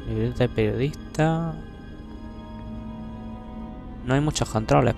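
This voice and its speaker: Over game music blaring in the background, a young man from Spain narrates his gameplay in a medium-pitched voice with vocal fry. His let's-play talk is chatty and self-deprecating, with casual cursing throughout.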